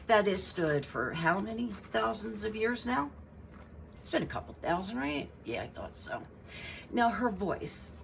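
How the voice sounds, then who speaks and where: A woman's voice: on the low side, slight background noise. A woman giving a sarcastic, exasperated commentary, mocking and ranting as she goes. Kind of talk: casual commentary vlog.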